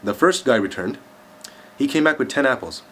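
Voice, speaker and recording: A man's voice: medium pitch, lively intonation, normal speed, a bit bright. A man telling a long joke to his viewers in a chatty, rambling way with lots of fillers. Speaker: vlogger. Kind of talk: casual joke-telling vlog.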